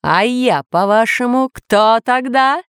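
A woman voicing a boastful masked villain who booms out threats and gloats. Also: slow, smooth, no echo, studio quality. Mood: menacing. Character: boastful masked villain, self-styled ruler of the island.

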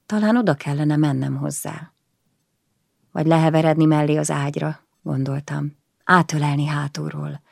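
A woman reading a novel aloud in the first person, quiet and introspective. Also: low voice, steady tone, gravelly, dry recording, clean studio sound. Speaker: audiobook narrator.

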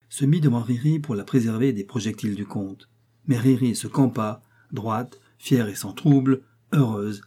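A man reading a classic adventure novel aloud as an audiobook, in a measured, theatrical storytelling manner. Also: mid-range voice, warm tone, slightly rough. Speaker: audiobook narrator.

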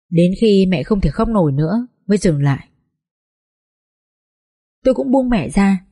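Brief: woman audiobook narrator, mellow low voice, dry close sound. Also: dry recording. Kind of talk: scripted story narration.

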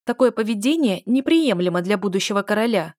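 A woman's voice: medium pitch, expressive, fairly quick, darkish tone, no room sound, close to an everyday voice. Woman reading a snooty hot-tempered young prince, haughty, dry close audiobook sound. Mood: indignant.

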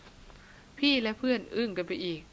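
A woman narrating an adventure novel as an audiobook in a steady storytelling voice. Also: medium pitch, quick pace, slight background noise, low-quality recording. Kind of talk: scripted narration.

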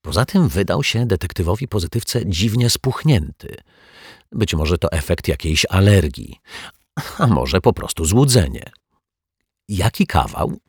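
A man narrating a children's story in a lively, expressive reading. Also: sits low, a little slow, husky, no echo, studio quality.

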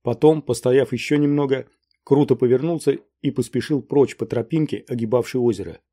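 A man reading a crime novel aloud as an audiobook narrator, in steady scripted narration. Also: medium pitch, brisk.

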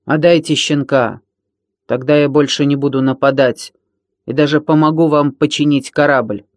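A man voicing a hairy male space pirate villain who brags and threatens loudly in a slightly raised voice. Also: a little high, fairly even intonation, moderate pace, no echo, clean studio sound, close to an everyday voice. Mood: demanding. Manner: loud, bragging, whiny threats.

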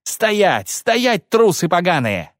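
A man's voice: a little high, lively intonation, moderate pace, dry recording, studio quality, voice pushed up, lightly acted. A man voicing a grim, battle-hardened male commander who bellows orders and curses. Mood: roaring.

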